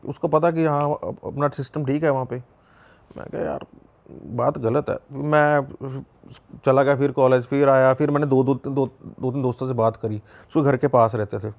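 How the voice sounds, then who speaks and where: A man's voice: on the high side, steady tone, moderate pace, creaky, darkish tone. A young Punjabi man with a Punjabi accent, telling a personal story in a casual, rambling way with many restarts. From Punjab, India. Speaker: podcast guest.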